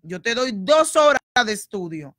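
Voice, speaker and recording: A woman pastor teaching a sermon in a conversational, animated way, acting out the voices she quotes. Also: mid-range voice, normal speed, dry recording, clean studio sound.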